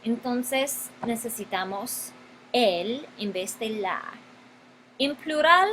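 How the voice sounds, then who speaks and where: Brief: woman teacher, bright and fairly high voice, slow and deliberate grammar lesson. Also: expressive, slight background noise, poor audio. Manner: slow, deliberate, stretches key words and repeats them. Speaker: Spanish teacher.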